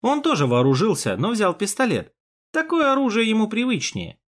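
Expressive male audiobook narrator. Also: high-pitched, moderate pace. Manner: dramatic, expressive storytelling. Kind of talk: first-person audiobook narration.

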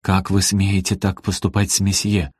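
A man's voice: deep voice, monotone, moderate pace, breathy edge, no echo, clean studio sound. A man reading an audiobook, voicing an indignant housekeeper who scolds her mistress. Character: angry accusing female housekeeper.

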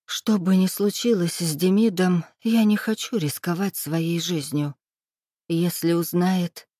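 Stern scheming older club-owner woman, dark-toned, dry; voiced by a woman narrator. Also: on the low side, fairly even intonation, unhurried, no room sound. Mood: mocking, stern. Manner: mocking, weary, coolly menacing. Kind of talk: audiobook dialogue reading.

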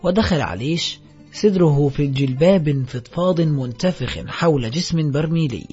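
A man narrating an audiobook with solemn, measured literary reading, in a dull lo-fi recording with faint music. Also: a little high, warm tone.

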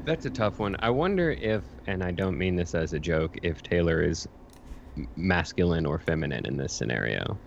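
Deep-voiced male podcast guest. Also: animated, normal speed, creaky, lo-fi sound, slight background noise. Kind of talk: casual podcast chat.

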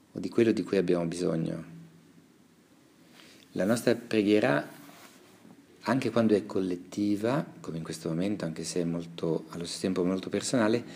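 Low, gravelly-voiced priest giving a homily. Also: male voice. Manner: measured, pausing, soft restarts. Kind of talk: reflective homily with Gospel reading.

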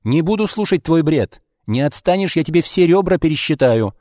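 A man's voice: fairly high pitch, fairly even intonation, fast, no room sound, studio quality, pitched above the performer's own voice, close to an everyday voice. Man doing a brash tough young woman. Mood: fierce, indignant. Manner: blunt, shouting orders.

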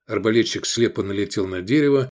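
A man giving steady, vivid scripted narration of an action novel. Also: on the low side, quick pace. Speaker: audiobook narrator.

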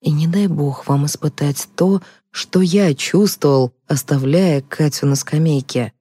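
A woman's voice: deep voice, unhurried, mellow, husky, no echo, clean studio sound. A woman reading an audiobook voices a guilt-ridden middle-aged male psychologist who mumbles and justifies himself. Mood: gloomy.

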